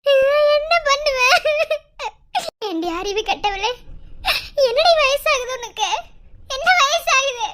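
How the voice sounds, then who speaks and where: A woman's voice: very high voice, expressive, slow, very noisy, exaggerated voice. A woman voicing a distraught middle-aged village mother in a cartoon, who laments and scolds through tears. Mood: wailing scolding. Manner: lamenting scolding, crying while talking.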